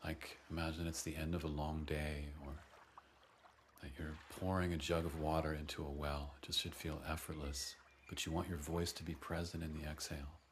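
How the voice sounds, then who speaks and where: A man guiding a breathing and voice meditation, giving soft, gentle, unhurried instructions between long audible sighs. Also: rumbling low, flat delivery, a little hiss or hum. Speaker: breathwork and voice teacher.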